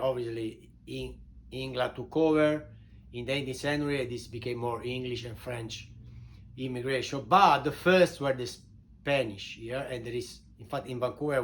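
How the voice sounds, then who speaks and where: A man from Italy with an Italian accent, informally introducing his book in halting non-native English, repeating words for emphasis. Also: mid-range voice. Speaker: author and show host introducing his book.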